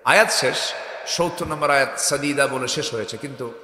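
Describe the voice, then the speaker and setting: A man from Bangladesh preaching a waz sermon and telling a story, his voice swinging from soft to loud bursts. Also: mid-range voice, a little fast. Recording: echoey hall with long reverb.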